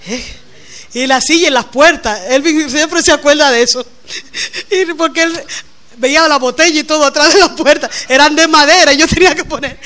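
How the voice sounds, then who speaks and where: A middle-aged woman preaches a conversational sermon in a high voice. Her tone is bright and clear. She is animated and often laughs as she tells her stories. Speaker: preacher, pastor's wife.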